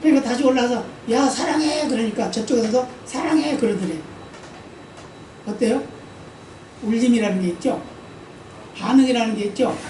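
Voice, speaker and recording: A woman's voice: fairly high pitch, a little fast, pauses often, mellow, far from the mic, a little hiss or hum. A woman pastor giving a conversational sermon. She often asks the congregation for an amen and acts out the quoted speech in her stories. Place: church sanctuary during service. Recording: roomy church hall, voice from afar.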